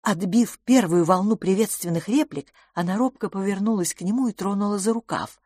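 A woman narrating a humorous novel in an expressive audiobook reading. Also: mid-range voice, fairly quick, dry recording, studio quality. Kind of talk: scripted narration.

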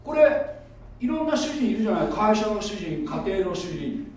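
Male pastor, high and lively voice, teaching style, heard from afar in a very echoey hall. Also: normal speed. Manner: explains like a teacher, asks the audience questions. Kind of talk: sermon. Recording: echoey room, voice from far off.

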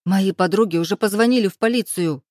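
A woman voicing a frightened but defiant young woman held captive, snapping back in shrill, indignant outbursts. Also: brisk, mellow, dry recording, clean studio sound, natural voice.

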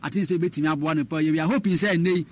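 A man's voice: fairly high pitch, very fast. A man talking football as a pundit, switching between Twi and English, with frequent fillers and restarts. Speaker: sports pundit. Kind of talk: radio sports discussion.

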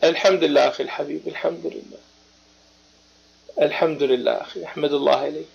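A man's voice: on the high side, steady tone, quick pace, vocal fry, darkish tone, husky. A man from Baghdad with an Iraqi accent, hosting a live religious debate chat while he has a cold, talking emphatically with many short affirmations. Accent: Iraqi Arabic, Baghdad. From Iraq. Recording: lo-fi online voice chat.

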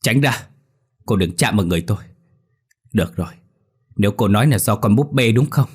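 A man reading a story aloud, voicing an angry betrayed young husband who accuses and shouts, in a husky low voice. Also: lively intonation, quick pace. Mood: furious.

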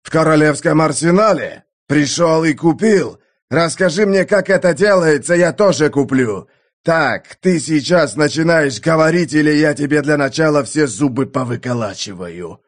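A man's voice: fairly high pitch, lively intonation, unhurried. A man narrating an audiobook, putting on the snarling, threatening voice of a brutal old mercenary. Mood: menacing, furious. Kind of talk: audiobook character voice.

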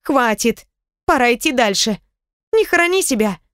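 Женщина озвучивает живую властную мачеху из аудиокниги, голос выше и очень подвижный, сухая запись. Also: female voice, sits high, very animated, moderate pace, no echo, clean studio sound, pitched above the performer's own voice. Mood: indignant. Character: lively, bossy, caring middle-aged stepmother.

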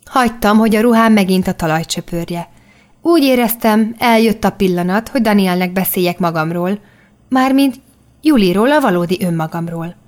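Woman reading a children's novel aloud. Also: mid-range voice. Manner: even, clearly articulated storytelling. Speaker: audiobook narrator. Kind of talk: scripted first-person narration.

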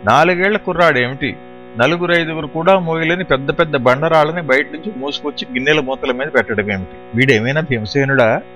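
A man's voice: fairly high pitch, a little fast, fairly bright tone, faint music behind, close to an everyday voice. A man narrating a storybook who voices a worried mother, exclaiming and pleading. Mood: astonished.

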